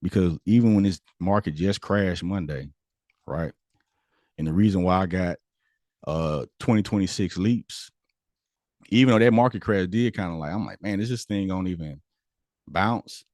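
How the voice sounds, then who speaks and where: A man's voice: low-pitched, moderate pace, pauses often, darkish tone, no room sound, clean studio sound. A man teaching a stock trading class, talking loosely and conversationally as he walks through a chart. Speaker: trading instructor. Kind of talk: casual screen-share trading lesson.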